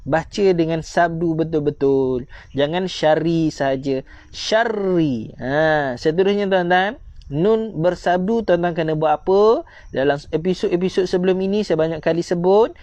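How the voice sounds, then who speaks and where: A man with a Malaysian accent teaching Quran recitation online, correcting mistakes and repeating slow, drawn-out examples. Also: high voice, a little mellow, dry recording.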